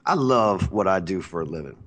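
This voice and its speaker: Deep-voiced and expressive, this sales podcast host talks fairly quickly. His delivery is brash, rambling and full of profanity, casual podcast chatter.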